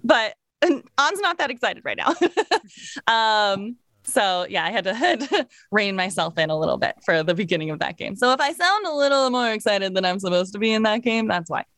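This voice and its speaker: Woman, voice actress, 30s, bubbly, laughing, mid pitch, dry close mic. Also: expressive, a little fast, fairly bright tone, no room sound. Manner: bubbly, laughing, acts out quotes. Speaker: voice actress guest. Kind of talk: casual interview storytelling.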